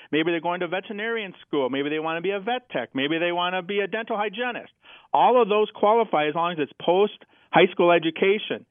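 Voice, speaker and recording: An American man with a high voice appears as a financial advisor guest in an interview, explaining things plainly with examples and rhetorical questions. The audio has no echo but sounds tinny, like phone-line radio.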